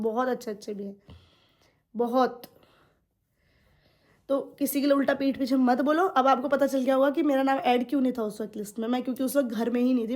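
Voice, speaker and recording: A woman's voice: high voice, darkish tone. A young woman venting to her viewers in a casual monologue. She sounds indignant, repeats herself and speaks to them directly. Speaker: vlogger.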